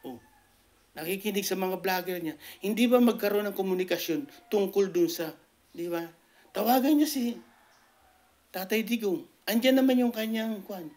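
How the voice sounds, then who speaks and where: A man giving casual political commentary as a vlogger, animated and repetitive, his voice jumping up in pitch when he makes a point. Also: normal speed. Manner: animated, repetitive, keeps asking "di ba?"; rises sharply in pitch when making a point.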